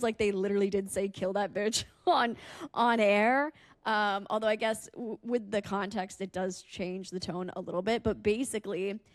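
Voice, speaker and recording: In studio-quality audio with no room sound, an American woman with a mid-range voice co-hosts a podcast. She swaps casual chat and stories, teasing and joking as she goes.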